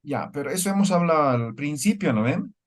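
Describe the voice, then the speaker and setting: A man's voice: on the high side, expressive, a little fast. A man teaching a language class. He explains step by step and keeps checking with the students through short questions. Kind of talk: classroom lecture.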